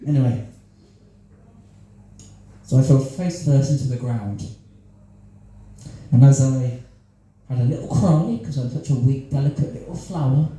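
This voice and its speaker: Brief: Cornish male improviser, mellow dark voice, self-mocking, in a very echoey live room. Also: medium pitch. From Cornwall. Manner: self-deprecating, chuckles at his own jokes. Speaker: improv comedian. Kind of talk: solo improvised stand-up storytelling. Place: small live comedy venue with audience.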